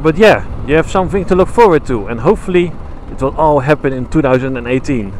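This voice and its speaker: Riding a motorcycle on country roads, this man with a Dutch accent speaks fast in a fairly high, slightly mellow voice with lively intonation. He's a chatty motovlogger who wanders off topic and keeps correcting himself. The helmet cam mic captures his voice over the sound of the engine and wind.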